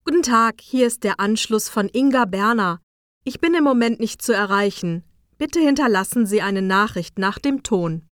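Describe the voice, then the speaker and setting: A woman speaking a formal answering machine greeting in a scripted course recording, clear and even. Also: a little high, normal speed, dry recording, studio quality. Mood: polite. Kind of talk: scripted language-course dialogue.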